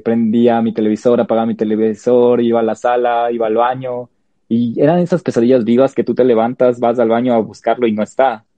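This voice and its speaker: A man tells a personal ghost story to podcast listeners, slowly and with suspense. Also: mid-range voice, warm tone, dry recording. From Ecuador. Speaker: podcast co-host. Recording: dull lo-fi sound with faint music.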